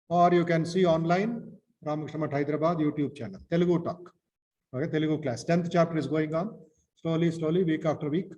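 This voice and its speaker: A man with a South Indian accent teaching an informal spiritual class as a monk, speaking in short halting phrases and often repeating words for emphasis. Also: a little high, darkish tone, rough recording.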